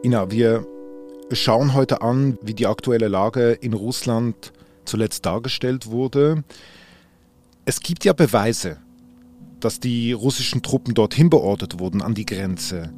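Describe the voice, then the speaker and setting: A man's voice: mid-range voice, a little slow, a little mellow. A man hosting a conversational news interview. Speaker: podcast host.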